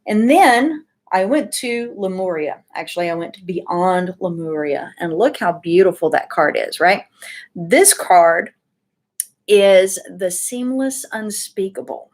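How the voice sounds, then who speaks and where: A woman's voice: medium pitch, slow pace. A woman giving a casual weekly oracle card reading from her home office, chatty and full of ums and asides. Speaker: tarot and oracle card reader.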